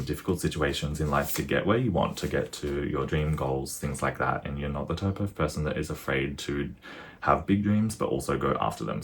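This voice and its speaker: A man with an extremely low, deep voice reads tarot cards straight to the listener. He talks in a rambling, earnest way, full of "like"s and "um"s, and sometimes breaks into laughter. A faint hiss and small clicks sit under the voice. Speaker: tarot reader. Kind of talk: intuitive tarot reading to the viewer.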